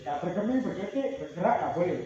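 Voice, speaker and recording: Facilitator, man, high voice, jokey, barking game commands, heard from a distance in a big echoey space. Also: animated, quick pace. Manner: shouted commands, joking and teasing. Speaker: outbound training facilitator. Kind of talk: leading group games outdoors. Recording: distant, roomy, muffled.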